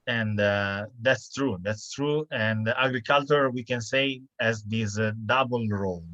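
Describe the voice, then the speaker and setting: A man moderates an online panel over a video call, stopping and restarting often. His voice sits mid-range and sounds dry and dull through the call audio. He picks his words slowly as he hands the floor to guests. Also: medium pitch, fairly bright tone, no room sound. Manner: halting, many fillers and restarts. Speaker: webinar host.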